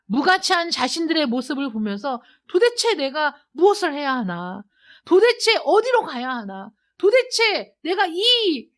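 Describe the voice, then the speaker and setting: Woman pastor, high sing-song delivery, emphatic sermon style, loud pleas then hushed asides. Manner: emphatic, rhetorical questions, swings between loud urging and quiet. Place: church sanctuary.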